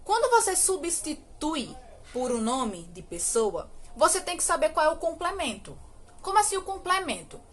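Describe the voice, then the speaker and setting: A Brazilian woman teaching English to children in an online lesson. She slows right down for the model sentences and keeps asking "ok?". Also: high voice, very animated. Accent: Brazilian Portuguese. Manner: slow, drawn-out model English sentences between quick explanations; asks rhetorical questions, frequent "ok?". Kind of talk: recorded online grammar lesson.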